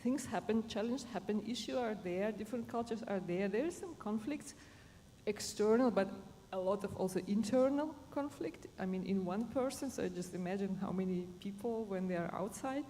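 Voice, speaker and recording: A mellow, mid-range woman from Germany explains positive psychology unscripted as a panel speaker on a conference stage in a large hall. She halts and searches for words, and the recording is echoey with faint background noise.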